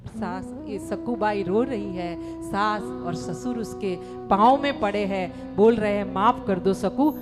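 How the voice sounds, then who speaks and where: A woman's voice: mid-range voice, slow pace, hardly any pauses, over music. A woman religious storyteller delivering a devotional story sermon to a gathering, acting out the characters' dialogue with feeling.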